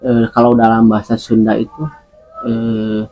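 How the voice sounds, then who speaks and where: A man's voice: mid-range voice, monotone, moderate pace, mellow, faint music behind, rough recording. A man guest in an interview, recounting a personal experience in a hesitant way, repeating words and using many fillers.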